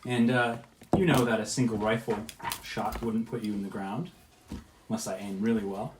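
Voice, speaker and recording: A man's voice: on the low side, fairly even intonation, normal speed, natural voice. Guy doing a sly chill dryad lady, dry teasing talk, roomy echo. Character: sly calm female dryad scout with rifle. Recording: roomy echo, faint noise.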